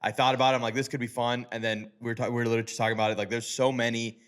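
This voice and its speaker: A man's voice: medium pitch, level tone, rapid-fire, fairly bright tone. Laid-back young man hosting a chat. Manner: loose, filler-heavy, laughs often. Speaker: podcast host. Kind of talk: casual chat.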